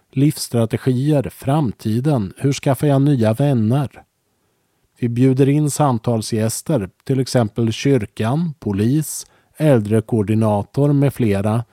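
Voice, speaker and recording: A man reading a public service announcement in a calm, measured way. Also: mid-range voice, no room sound, studio quality.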